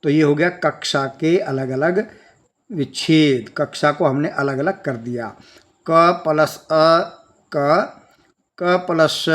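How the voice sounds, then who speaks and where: A man's voice: on the high side, fairly bright tone. A man teaching a children's language lesson, patiently breaking words into sounds and spelling them out step by step.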